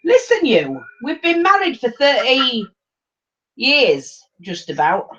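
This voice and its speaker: Animated middle-aged English woman, dull audio. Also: sits high, takes it slowly. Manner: blunt, animated storytelling. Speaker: livestream host. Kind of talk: casual chat and anecdote.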